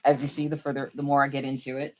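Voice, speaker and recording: Tennessee lady w a low voice doing live craft chat, playful and kinda self-deprecating. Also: level tone, fast. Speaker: balloon twisting streamer.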